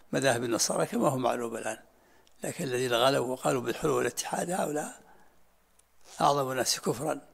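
Older sheikh teaching a lesson, gravelly husky voice, talks quick. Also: male voice, medium pitch, fairly bright tone. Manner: explains in short repeated phrases, answers questions. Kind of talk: religious lesson with Q&A.

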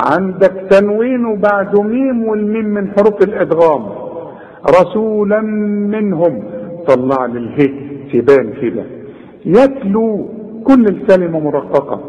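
A man with an Egyptian Arabic accent teaching Quran recitation, modeling words slowly and coaxing the learner. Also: high-pitched, a little mellow, long reverb tail, lo-fi sound. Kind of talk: tajweed lesson, recitation with explanation.

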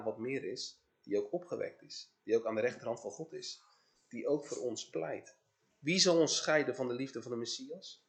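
Guy reading bible passages to a congregation, slow and solemn, mid-range voice. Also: medium pitch. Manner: measured, deliberate reading with rising emphasis on key phrases. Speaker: scripture reader in a congregation.

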